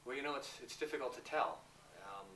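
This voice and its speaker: A man's voice: mid-range voice, pushed and bright, natural voice. A man playing a rambling zombie husband. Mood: chatty. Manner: rambling, halting, full of fillers. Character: easygoing male zombie husband, proud and rambling. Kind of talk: mockumentary interview. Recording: echoey room, mic from a distance, faint noise.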